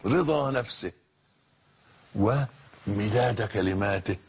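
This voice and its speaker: A man preaching a sermon in an Egyptian Arabic accent, fervent and repetitive, moving from soft murmurs to shouted peaks. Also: lowish voice, slow pace, husky, muffled recording. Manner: fervent, repeats phrases, swings from soft to shouted. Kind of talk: religious sermon.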